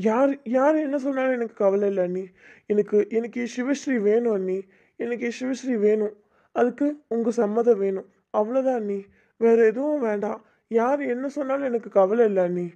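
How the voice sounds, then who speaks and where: Fan audio drama: woman voicing a lovesick young man, begging nonstop, stammers, fairly high voice. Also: mellow, dull audio, natural voice. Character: desperate young man in love.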